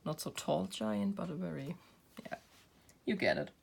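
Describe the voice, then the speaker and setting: A craft channel host chats casually as she works, rambling and laughing at herself. Her voice is fairly low, creaky and a bit breathy, at a normal speed, picked up by a built-in camera mic.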